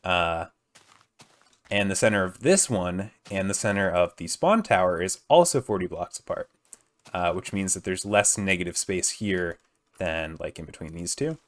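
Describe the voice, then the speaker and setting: Low-voiced man rambling over gameplay. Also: animated, moderate pace. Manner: rambling, many fillers and self-corrections. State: groggy morning voice. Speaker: gaming video host. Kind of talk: casual gameplay commentary.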